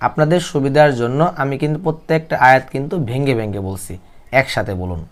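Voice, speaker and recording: A Bengali-speaking man teaching Quran reading, spelling each letter and vowel aloud, then chanting the verses slowly for learners to repeat. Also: mid-range voice, lively intonation. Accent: Bangladeshi Bengali. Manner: slow drawn-out chanting of Arabic verses, then brisk spoken explanations.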